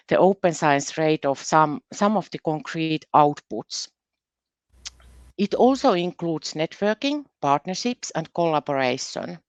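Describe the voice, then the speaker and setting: Speaking as a university research specialist at a conference, this woman from Finland, a native Finnish speaker with a Finnish accent, presents carefully and haltingly, frequently doubling words. Her voice is low and there's no echo.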